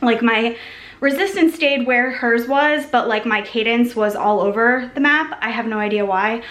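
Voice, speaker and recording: A woman's voice: on the high side, normal speed, a bit bright, roomy sound. A woman vlogging to a handheld camera in casual, upbeat chat, full of likes and ums, out of breath after a workout. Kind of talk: casual vlog talk to camera.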